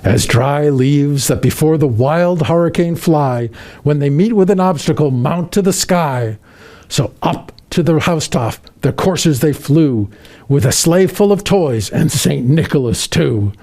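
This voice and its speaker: A man playing a jolly, kindly old Santa Claus, reading a children's Christmas poem aloud in an expressive, unhurried storytelling manner. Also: fairly high pitch. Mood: warm storytelling.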